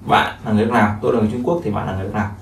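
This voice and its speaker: Rapid-fire and lowish in pitch with fairly even intonation, a man gives a language lesson, going over each phrase again and again amid many fillers. The mic sits far off in an echoey room with faint noise.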